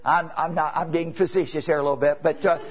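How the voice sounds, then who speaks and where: His voice a little high with a breathy edge and fairly even intonation, a traveling evangelist in his seventies gives a sermon. He's folksy and repetitive, punctuating with "amen" and "you know," building into emphatic bursts after drawn-out pauses.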